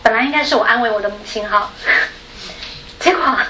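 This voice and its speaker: Speaking fairly quickly in a fairly high voice, a Taiwanese woman with a Taiwanese Mandarin accent chats through a personal story as a panel speaker. Soft sentence-final particles and frequent laughter mark her talk, and the recording has room echo, dull sound, and slight background noise.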